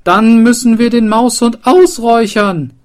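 A shrill, frantic town mayor. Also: male voice, unhurried. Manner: shrill, shouting delivery. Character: panicked old-time town mayor, frantic and foolish.

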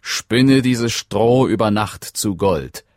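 A man playing a greedy, commanding king who speaks slowly and in a stately manner. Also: on the low side, a little mellow, dry recording, clean studio sound, voice pushed up. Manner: slow, stately, demanding.

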